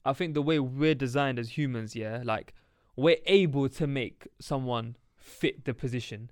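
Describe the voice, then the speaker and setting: A man's voice: medium pitch, normal speed, no room sound, clean studio sound. A young man with a London roadman accent and slangy street delivery, hosting a casual podcast chat. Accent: London, urban street slang (roadman). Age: young adult. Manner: slangy urban street way of talking. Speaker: podcast host.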